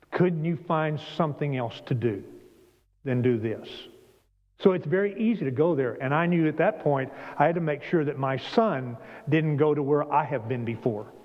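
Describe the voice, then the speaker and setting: Earnest preacher in an echoing church. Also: male voice, a little high. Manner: earnest, rising to emphatic storytelling. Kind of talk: sermon. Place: church sanctuary. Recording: dull sound, long hall reverb.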